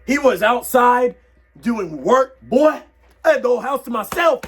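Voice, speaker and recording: A young man, hoarse from losing his voice, ranting in excitable yells with sudden quiet asides for a comedy vlog. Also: extremely high pitch, unhurried. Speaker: comedy vlogger. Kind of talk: comedic tier-list rant.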